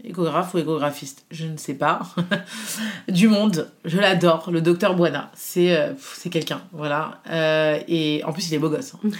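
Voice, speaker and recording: Speaking low and at a measured pace, a chatty woman recounts her birth story as a guest in casual conversation. Her storytelling is animated, peppered with fillers, and she frequently quotes other people.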